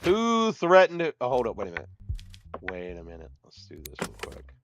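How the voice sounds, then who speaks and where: A man livestreaming a courtroom game, joking loudly, swearing, and handing down mock-judge verdicts. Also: low voice, big pitch swings, a little fast, vocal fry, faint music behind. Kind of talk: casual gaming commentary.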